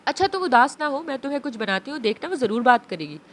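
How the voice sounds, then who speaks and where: A woman's voice: high-pitched, sing-song, fast talker. Give me a caring, encouraging elder sister, voiced by a woman reading a novel. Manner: gentle encouraging.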